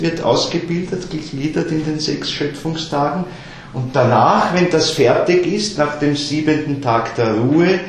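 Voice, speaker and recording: A man giving an explanatory lecture to a small group, often halting and repeating words as he explains. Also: mid-range voice, a little hiss or hum. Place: lecture room with listeners. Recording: very echoey room.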